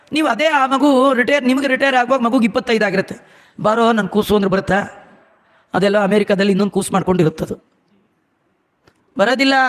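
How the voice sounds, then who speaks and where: A man giving a storytelling sermon, chanting verses and making humorous, scolding asides to his listeners. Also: high-pitched. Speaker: religious discourse speaker. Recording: echoey hall.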